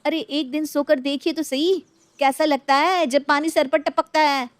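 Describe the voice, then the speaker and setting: A stubborn young daughter-in-law, voiced by a woman, shrill and indignant in a storybook drama. Her high voice is recorded close and dry. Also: steady tone, unhurried, dry recording.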